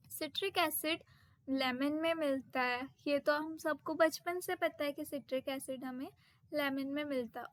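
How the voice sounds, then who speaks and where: A woman explaining a science textbook lesson, and she reads the English terms out slowly, one by one. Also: high voice, no room sound. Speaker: teacher.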